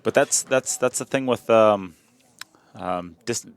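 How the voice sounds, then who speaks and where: A man's voice: on the low side, slow pace, clear, resonant tone. A man commentating a pool match in a chatty, joking way, often repeating himself. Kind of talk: live sports commentary.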